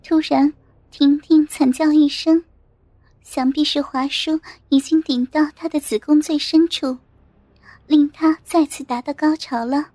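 A woman narrating a story in a steady, measured reading of short phrases. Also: sits high, no echo. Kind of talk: scripted audiobook narration.

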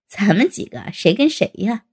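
A woman voicing a brash, crude, teasing young man in a storybook reading, with a husky, gravelly lowered voice and loud, fast bursts. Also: big pitch swings. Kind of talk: storybook character voice.

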